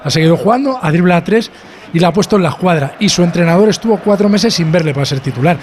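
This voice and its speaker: A man's voice: high-pitched, lively intonation, quick pace, darkish tone, a little hiss or hum. A man giving insistent match analysis as a football analyst, piling up short clauses.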